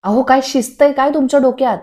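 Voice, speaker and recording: A woman's voice: high voice, fast, darkish tone, natural voice. A woman voicing a meek wife who has grown suspicious, speaking in a pleading, reproachful way.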